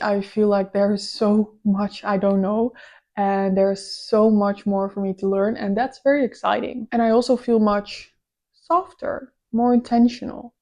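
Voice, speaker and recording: Woman, 30, mellow voice; rambling self-deprecating vlog chat with frequent laughs. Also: medium pitch. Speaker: vlogger. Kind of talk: casual reflective chat to camera.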